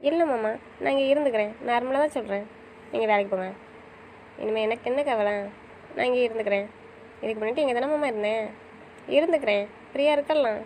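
A woman's voice: a little high, fast, pauses often, a little mellow, slight background noise, rough recording. A young woman in affectionate, teasing banter with her husband, pleading and playful by turns. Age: young adult. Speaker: wife in a couple's chat. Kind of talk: casual couple banter.

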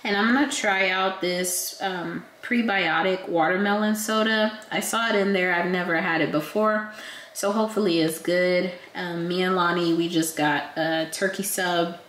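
A young woman talks to her vlog camera in a relaxed, rambling way, her voice a little raspy and hoarse as she gets over being sick. She sits on the lower side of the pitch range, with plenty of ums between her thoughts. The sound bounces around an echoey room, with a faint hiss underneath. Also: moderate pace. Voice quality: slightly raspy. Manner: chatty, relaxed, frequent ums. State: recovering from illness, a bit hoarse. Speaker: vlogger. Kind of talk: casual vlog chat to camera. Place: at home, indoors.

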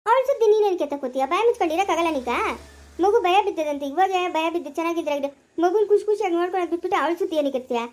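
A woman playing a sharp-tongued village mother and farm owner who scolds workers and coos to her baby. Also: very high-pitched, animated, rapid-fire. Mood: soothing.

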